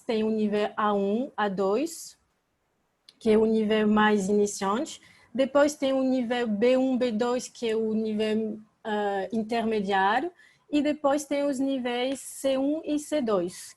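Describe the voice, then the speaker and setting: Slow French-accented woman teacher. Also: on the high side, a little mellow. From France. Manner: hesitant, searching for words. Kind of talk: explaining in an online meeting.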